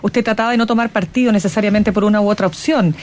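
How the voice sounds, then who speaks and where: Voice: medium pitch, fairly even intonation, fast. An interviewer who asks an artist direct questions.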